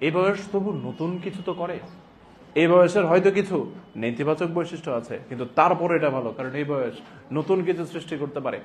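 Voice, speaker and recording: A man giving a classroom lecture as a teacher, repeating phrases deliberately for dictation and prompting students with emphatic questions. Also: fairly high pitch, a little hiss or hum. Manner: repeats phrases slowly and deliberately for note-taking.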